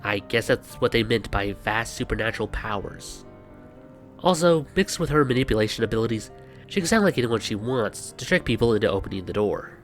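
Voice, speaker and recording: A man with a fairly low, expressive voice talks a little fast as he hosts a bantering scripted explainer. His tone is wry and sarcastic, broken up by exasperated asides, over background music.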